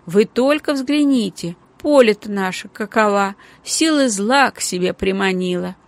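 A woman reading the part of a loud, blunt female household cook in an audiobook, scolding and plain-spoken. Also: mid-range voice, lively intonation, a little slow, vocal fry, no echo. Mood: exclaiming.

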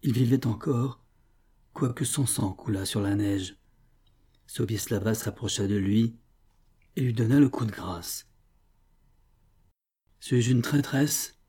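A man reading a novella as scripted narration, measured and solemn. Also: fairly low pitch, warm tone, husky. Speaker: audiobook reader.

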